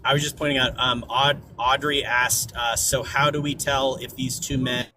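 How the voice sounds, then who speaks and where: A man talking through a bluetooth headset mic with an echo on his audio, a counselor chatting in a measured, thoughtful way on a live stream. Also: mid-range voice, flat delivery. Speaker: guest, mental health counselor. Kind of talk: casual live-stream chat. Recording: noisy bluetooth call audio.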